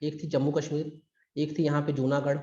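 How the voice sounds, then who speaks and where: A man's voice: a little high, little pitch movement, a little fast, darkish tone, reverberant, lo-fi sound. A man teaching a live online history class for exam preparation, talking in a conversational, emphatic way. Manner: conversational and emphatic, acts out quotes. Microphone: recorded through a video call.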